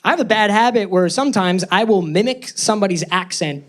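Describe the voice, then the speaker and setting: A man's voice: sits high, brisk. A man doing a stand-up comedy set on a club stage, telling self-deprecating stories in a nervous way into a handheld mic. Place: comedy club stage before a live audience. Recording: live show with loud crowd laughter.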